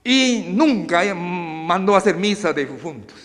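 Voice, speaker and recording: A man preaching an animated sermon in a church, often calling out to his brothers in the congregation. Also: sits high, a little slow, in a large hall. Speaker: pastor.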